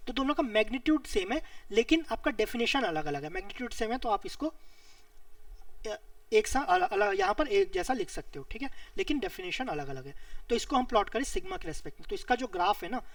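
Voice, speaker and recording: An exam tutor works through a whiteboard lecture, repeating each key term as the explanation builds. English technical words drop into the Hindi sentences, and the pitch moves freely up and down. The voice sits a little away from the mic in a dry, dead room. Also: sing-song, brisk, dry recording, distant mic. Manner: mixes English technical terms into Hindi speech. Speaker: civil engineering exam tutor.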